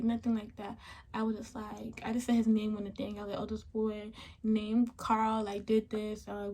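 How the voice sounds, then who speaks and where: A young woman vlogger telling a story in a casual, chatty and indignant way, with lots of "like". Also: medium pitch. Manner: chatty and indignant, heavy use of "like".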